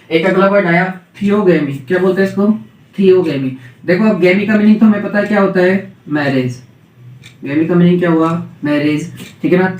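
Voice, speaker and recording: A man's voice: high voice, a little mellow. A male English teacher from India with a Hindi accent, running a vocabulary lesson and repeating every question so students call back the answer. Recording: echoey room, mic at a distance.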